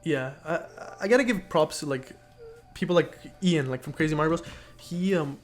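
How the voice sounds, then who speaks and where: A man's voice: a little high, moderate pace, soft background music. A young man co-hosting a casual podcast, rambling with lots of fillers and restarts. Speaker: podcast co-host and YouTuber. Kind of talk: casual chat.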